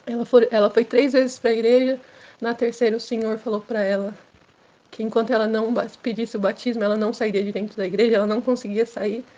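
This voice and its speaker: A woman's voice: flat delivery, quick pace, mellow, highs cut off. A woman, giving an earnest, emotional personal testimony at church. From São Paulo state, Brazil. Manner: earnest, emotional, rising in pitch and force as story intensifies.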